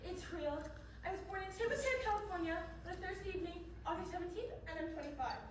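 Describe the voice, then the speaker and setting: Brief: woman as a rambling young dancer; high lively voice, echoey distant hall. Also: fast talker. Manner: rambling and giggly. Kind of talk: live stage musical acting. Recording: distant echoey stage recording with hall noise.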